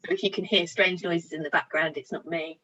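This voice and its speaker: A woman's voice: lowish voice, steady tone, brisk, bright, forceful tone, husky, dull audio. A woman hosting an online question session over a video call, chatty and full of fillers. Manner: chatty, many ums. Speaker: event host. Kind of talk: hosting a webinar Q&A.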